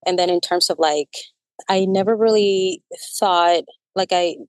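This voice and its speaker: A woman in her thirties from the United States speaks hesitantly as a coaching client in a personal conversation, searching for her words. Her voice is on the low side and clean with no echo, unhurried, with fairly even intonation.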